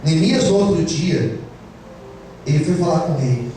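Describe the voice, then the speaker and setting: A man's voice: fairly high pitch, lively intonation, measured pace, dark tone, slight background noise. A Brazilian man preaching a sermon as pastor, emphatic and calling the congregation to say amen. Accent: Brazilian Portuguese. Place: church. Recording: very echoey church hall, distant mic.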